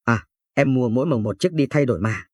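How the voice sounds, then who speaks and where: A man's voice: medium pitch, expressive, fast talker, husky, no echo, clean studio sound. A man voicing a rich, showy woman who coos and boasts. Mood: flirty. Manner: cooing, boastful.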